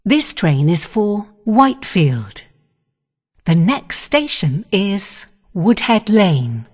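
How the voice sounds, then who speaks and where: A woman's voice: medium pitch, very animated, slow pace, a little mellow, husky. A woman reading pre-recorded onboard passenger announcements as an automated train announcer. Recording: long reverberant hall echo.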